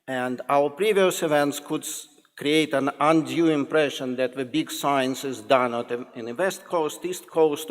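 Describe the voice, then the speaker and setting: A man with a Russian accent giving a joking, formal introduction to a public lecture, pausing and restarting often. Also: mid-range voice. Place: large lecture hall. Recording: lecture hall with long reverb.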